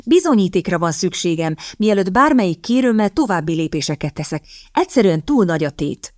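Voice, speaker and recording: A woman's voice: on the low side, very animated, no echo, studio quality. A woman voicing a determined young woman in an audiobook, speaking in a coaxing, persuasive manner. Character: sharp, determined young woman seeking a husband.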